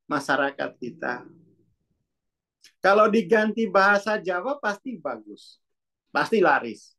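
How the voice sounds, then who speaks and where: A Muna-speaking man talks about consciousness and self-development in a casual, reflective monologue. His voice sits high with a fairly bright tone. He muses, corrects himself, and wanders loosely through many asides.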